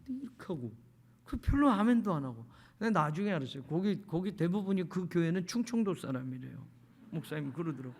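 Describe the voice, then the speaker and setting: A man's voice: on the high side, sing-song, quick pace, husky. A man preaching a sermon at a church service. He speaks straight to the congregation and repeats phrases for emphasis. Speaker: pastor.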